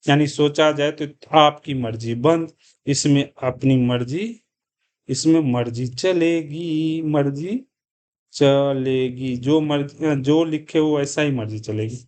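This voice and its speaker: A man lectures a class in a slightly raised voice, pacing himself slowly and deliberately. He keeps asking the students questions, then answers them himself and repeats the key terms. English terms are mixed into his speech. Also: fairly high pitch, darkish tone. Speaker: commerce teacher.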